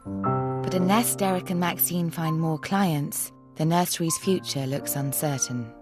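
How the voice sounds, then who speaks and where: Low-voiced British woman narrating. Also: a little slow. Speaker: documentary narrator. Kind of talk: scripted narration. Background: music.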